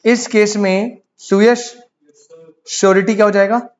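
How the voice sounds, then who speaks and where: A man's voice: high voice, fairly even intonation, measured pace, muffled recording. A man with an Indian accent teaching commerce law in a casual lecture, calling students "beta" and asking them rhetorical questions. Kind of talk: casual Hindi-English lecture.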